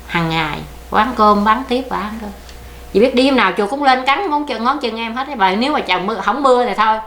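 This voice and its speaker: An older woman with a Southern Vietnamese accent recounts her life story during an oral history interview, plaintive and rambling. Her voice is fairly high, expressive, fairly quick and fairly bright. The room is echoey, with faint background noise.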